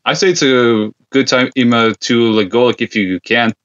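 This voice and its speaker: A man's voice: medium pitch, normal speed, a bit bright. A man from Serbia, guesting on a podcast in easygoing, hesitant casual chat. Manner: easygoing, many fillers and hesitations. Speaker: guest, gear company founder. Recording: dull lo-fi sound.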